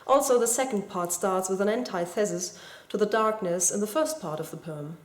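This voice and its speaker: A woman calmly walking through a close reading of a poem, in a measured, explanatory way. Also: mid-range voice. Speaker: video blogger explaining a poem. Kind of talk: scripted literary analysis. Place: school building indoors. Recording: echoey room.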